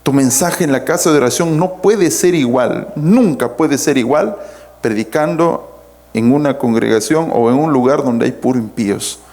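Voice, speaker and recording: At normal speed, a Peruvian-accented pastor with a mid-range, slightly mellow voice preaches to his congregation. He teaches with emphasis, swinging his pitch up and down and calling out to those gathered.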